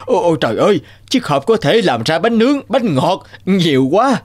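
A man doing a gentle old farmer. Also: high voice, very animated, moderate pace, background noise. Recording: cartoon with music behind.

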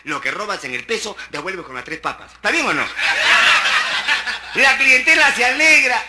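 Middle-aged Peruvian stand-up, rowdy teasing monologue, bright cutting tone. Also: male voice, sits high, expressive, moderate pace. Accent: Peruvian Spanish. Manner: loud, rowdy, teasing the listener. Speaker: stand-up comic. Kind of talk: street comedy monologue.

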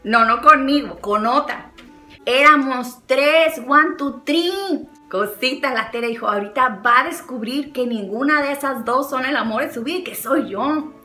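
Bright, high-voiced Mexican woman vlogger. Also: unhurried. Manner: animated, laughs often, acts out quotes. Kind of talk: chatty storytelling and advice. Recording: echoey room with faint music.

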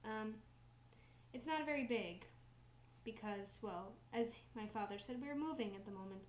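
A woman's voice: on the high side, normal speed, a little hiss or hum, natural voice, rough recording. A teenage girl voicing a young woman who gives a stable tour in a doll video, talking in a chatty, hesitant way with small self-corrections. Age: late teens. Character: young woman barn worker giving a tour. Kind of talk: doll video role-play narration. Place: home room, doll barn set.

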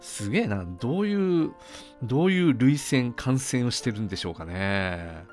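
A middle-aged man talks through a film review in a loose, chatty way, full of asides and fillers. His pitch moves around a lot as he talks. Faint music plays behind him. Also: animated, moderate pace, darkish tone. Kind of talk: casual solo film review.

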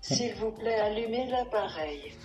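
A synthetic woman's voice played from a phone speaker as an app prompt, reading polite, even, formal setup instructions step by step. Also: fairly high pitch, unhurried, reverberant, faint music behind.

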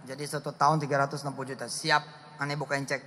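A man preaching a lively sermon, swinging from loud bursts to hushed asides as he talks with his audience. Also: medium pitch, quick pace, a little hiss or hum. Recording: hall reverb.

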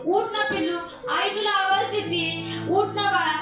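A woman's voice: extremely high pitch, steady tone, a little slow. A young woman playing an anxious young village mother in an amateur radio drama, pleading and tearful. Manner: pleading, tearful, then determined. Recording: roomy and distant, music beneath.

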